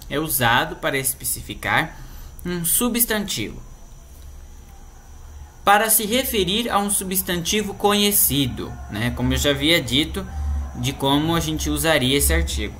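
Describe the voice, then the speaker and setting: A Brazilian Portuguese-accented man teaches a grammar lesson in a patient, explanatory way. His voice sits a little high and sounds bright and forceful. He keeps checking in with short tag questions. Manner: patient, explanatory, tags sentences with "né?". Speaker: Spanish teacher.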